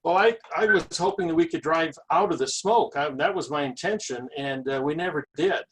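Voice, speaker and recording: A man casually recounting things in a halting way, repeating words as he goes. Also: on the high side, fairly bright tone, husky.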